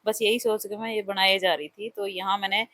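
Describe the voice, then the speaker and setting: A woman's voice: mid-range voice, steady tone, fairly quick, a bit bright, no room sound. A middle-aged woman running a parlour and raising her son, chatting casually and with self-mocking humour over her cooking vlog. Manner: chatty, self-mocking, talks directly to viewers. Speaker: vlogger, parlour owner and mother.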